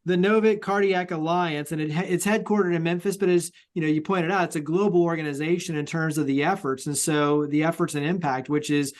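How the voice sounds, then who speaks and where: A man hosting an interview, prompting his guest with smooth, direct questions. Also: a little high, fairly even intonation, brisk, hardly any pauses. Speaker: host.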